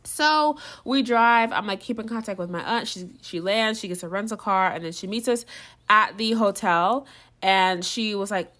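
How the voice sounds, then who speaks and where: A woman's voice: mid-range voice, normal speed. A young woman telling a story in casual chat, full of "like" fillers, who acts out the voices of others as she talks. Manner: chatty, lots of "like" fillers; animated, acts out what others said.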